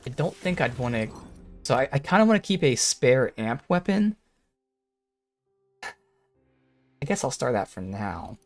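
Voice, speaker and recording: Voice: medium pitch, sing-song, measured pace, long pauses, faint music behind. A game streamer giving casual gameplay commentary, thinking aloud.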